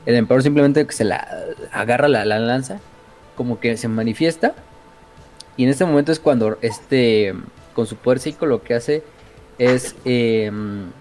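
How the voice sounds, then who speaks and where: A Mexican-accented man tells a long, epic story to his viewers, swearing freely and piling on fillers as he gets excited. His voice sits at an ordinary middle pitch, and faint music plays underneath. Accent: Mexican Spanish. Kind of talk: casual retelling of game lore.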